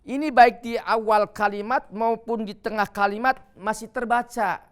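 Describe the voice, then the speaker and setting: Male Quran teacher on TV, smooth clear voice, patient explainer. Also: high voice, steady tone. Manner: explains patiently, chants Arabic verses slowly. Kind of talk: televised Quran reading lesson. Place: TV studio.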